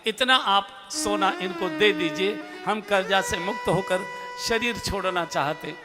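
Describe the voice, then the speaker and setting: A man voicing a weary, steadfast old king, speaking low and pleading in a reverberant hall with music behind. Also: unhurried.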